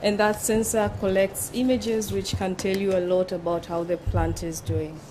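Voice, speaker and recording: A woman's voice: medium pitch, little pitch movement, normal speed, background noise. A woman from Tanzania, explaining things patiently as a guest on a conference panel, with fillers between her points. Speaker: panel guest, drone operator. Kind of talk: panel discussion. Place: conference exhibition stand.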